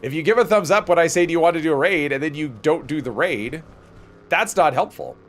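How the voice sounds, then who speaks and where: Animated man chatting on a gameplay livestream. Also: fairly high pitch, fairly quick, soft background music. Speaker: livestream host. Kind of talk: casual gameplay livestream chat, thinking aloud.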